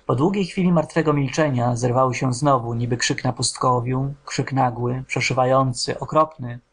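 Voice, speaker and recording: A man reading a literary novel aloud as an audiobook narrator, in a slow, measured, somber way. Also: medium pitch, fairly even intonation, breathy edge.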